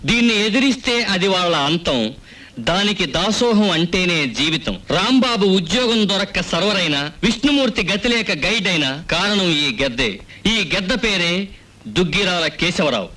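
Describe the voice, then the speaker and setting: A man's voice: sits high, expressive, normal speed, pushed and bright, distant mic, rough recording. A man giving grave, ominous narration in an old film.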